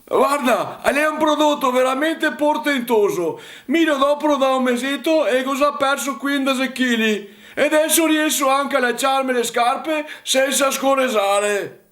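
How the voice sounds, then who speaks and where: A gushing, satisfied customer acted out by a man gives a testimonial in a spoof TV sales pitch. The voice is extremely high and colloquial, with a roomy echo around it. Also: moderate pace, a bit bright. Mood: delighted. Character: delighted satisfied customer giving a product testimonial. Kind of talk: parody infomercial testimonial. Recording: roomy, echoing sound.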